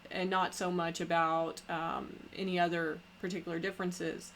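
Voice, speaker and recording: A woman hosting a podcast in casual conversation, talking haltingly with many pauses and restarts. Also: on the low side, flat delivery, fairly bright tone, slight background noise. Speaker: podcast host.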